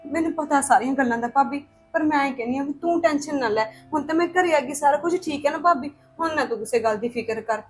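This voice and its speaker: Woman doing a determined young girl, talks fast and high, faint music behind. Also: close to an everyday voice. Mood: reassuring. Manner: earnest, insistent. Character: young unmarried woman, escaped captive, resolute.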